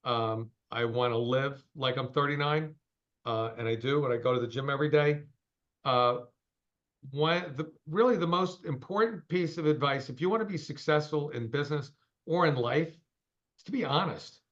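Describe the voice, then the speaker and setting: A man's voice: fairly high pitch, normal speed, a bit bright, dull audio. A man in his sixties, a company CEO, giving a straight-talking, emphatic interview over a call. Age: 60s.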